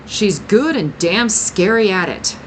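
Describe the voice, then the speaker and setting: A woman's voice: mid-range voice, animated, slow, slight background noise, pitched above the performer's own voice. Woman voicing a blunt, plainspoken woman.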